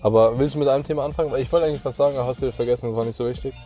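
Young male co-host, warm dark tone, laid-back slangy gamer talk over soft music. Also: mid-range voice, fairly even intonation, rapid-fire. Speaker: podcast co-host. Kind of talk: casual chat.

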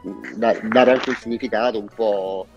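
A man's voice: fairly low pitch, steady tone, gravelly, loud music behind the voice. A man from Salento giving a casual radio interview as a musician guest, speaking hesitantly and searching for words. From Salento, southern Italy. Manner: hesitant, with frequent pauses and searching repetitions. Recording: dull lo-fi audio.

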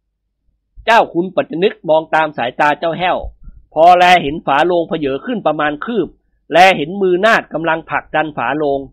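A man narrating a story in a lively, expressive way. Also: a little high, a little fast, no room sound.

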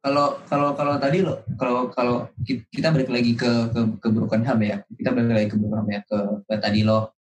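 A man's voice: medium pitch, flat delivery, quick pace, reverberant. A man hosting a casual podcast, asking rambling questions in slang and stumbling over his words. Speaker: podcast host.

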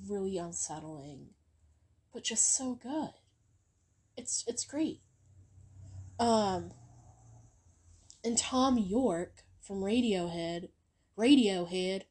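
A woman's voice: mid-range voice, mellow. A young woman chatting casually on her channel, recommending songs in a rambling way full of ums and likes. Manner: rambling, filler-heavy, lots of ums and likes. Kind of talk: casual music chat.

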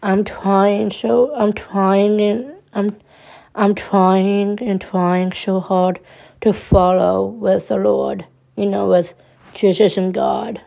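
A young woman in her twenties opens up in a subdued personal monologue. Her voice is dark and gravelly, and her delivery stays slow and flat. She stumbles, restarts and repeats words as she talks. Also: medium pitch. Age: 20s. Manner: subdued and troubled.

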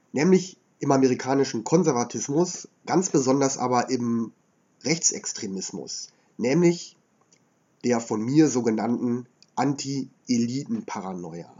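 A history podcast host with a slight cold gives a hoarse, measured lecture full of filler sounds. His voice is mid-range and dark, and the recording is muffled.

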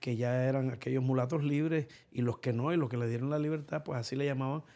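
A man's voice: medium pitch, steady tone, quick pace, dark tone. A man hosting a podcast interview, rambling into long explanations. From Cuba. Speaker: podcast host. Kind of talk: casual interview chat.

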